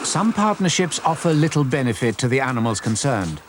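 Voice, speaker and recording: A man reading scripted nature documentary narration in a measured, serious way, in short deliberate phrases. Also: medium pitch, very animated. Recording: voice-over with loud animal and outdoor noise.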